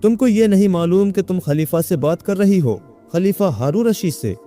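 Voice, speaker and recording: A man's voice: sits high, expressive, mellow, soft background music. A man voicing a young man who insists he is the caliph, speaking in a commanding, indignant way.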